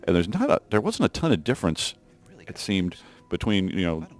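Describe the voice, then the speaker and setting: A man with a low, darkish, sing-song voice delivers let's-play developer commentary at a moderate pace, with no echo. He rambles over gameplay of a mission he designed, using many fillers and frequently restarting his sentences.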